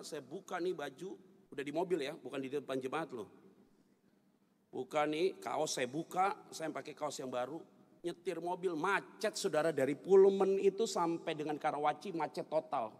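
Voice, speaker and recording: High-voiced preacher man in echoing hall. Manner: animated storytelling, rising to loud emotional peaks. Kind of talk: sermon with personal story. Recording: long hall reverb.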